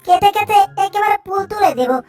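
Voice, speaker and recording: A ravenous little male baby crocodile chatters in a very high, squeaky singsong voice, as a woman plays him. He chomps his way through everything in a cartoon dub. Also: expressive, quick pace, darkish tone, faint music behind. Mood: gleeful. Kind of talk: fan cartoon dubbing.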